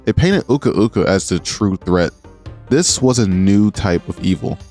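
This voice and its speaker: A man's voice: fairly low pitch, expressive, normal speed, a little mellow. A man narrating a scripted video essay with earnest, appreciative commentary. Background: music.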